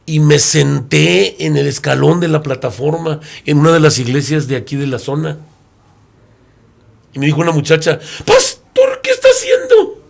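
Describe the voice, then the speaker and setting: Speaking at a moderate pace in a slightly high, gravelly voice with fairly even intonation, this Mexican-accented pastor in his sixties walks through a Bible lesson much like a sermon. His stories come alive as he performs each quoted character.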